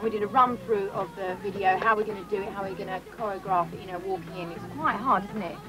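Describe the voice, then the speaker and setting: A woman's voice: medium pitch, steady tone, quick pace, a crowd in the background, poor audio. A young woman chatting and teasing in a casual behind-the-scenes talk on a video set. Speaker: pop singer on a video shoot.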